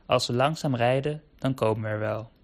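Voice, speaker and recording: A man voicing a calm, reassuring mother dog in a storybook. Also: mid-range voice, fairly quick, natural voice.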